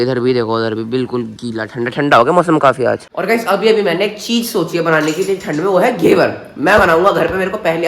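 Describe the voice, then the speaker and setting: A young man vlogs around his house on a handheld camera, talking straight to his viewers in a chatty, easygoing way. His voice sits a little higher than most men's. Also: a bit bright, a little hiss or hum. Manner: chatty, addresses viewers directly. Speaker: vlogger. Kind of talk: casual daily vlog narration. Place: at home and in the yard.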